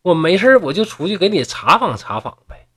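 Guy doing a cocky young storybook dude, northeastern accent, husky, bouncy pitch. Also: big pitch swings, fairly quick, sharp tone, full character voice. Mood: boastful. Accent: Northeastern Mandarin. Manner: brash, swaggering. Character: boastful young man, brash and confident cousin.

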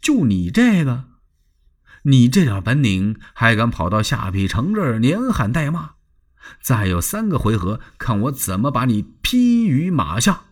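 A man voicing a proud, quick-tempered ancient general who speaks in stern, haughty declamations. His voice is husky. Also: mid-range voice, huge pitch swings, heavily acted. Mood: indignant, haughty.

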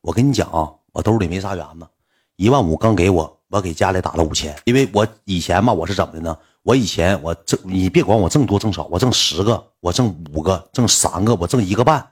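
A man's voice: low-pitched, fast, breathy edge. A man with a Northeastern Chinese accent, telling a comic story to his livestream audience in a chatty, conversational way.

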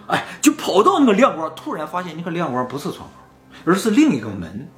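Lively fast-talking man telling a story. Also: on the high side, echoey room. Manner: animated, acts out quoted lines. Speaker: storyteller host. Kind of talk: casual storytelling chat.

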